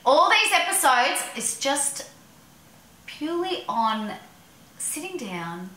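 An Australian woman co-hosting a casual chat, quick to agree and chiming in often. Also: sits high, big pitch swings, sharp tone. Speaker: co-host. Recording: echoey room.

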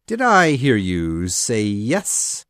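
A woman voicing a cruel, bullying male pirate captain in a storybook reading, drawing out her threats slowly. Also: very deep voice, huge pitch swings, fairly bright tone, no echo, clean studio sound, pitched below the performer's own voice, heavily acted. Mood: threatening. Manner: growling threats, slow and drawn out.

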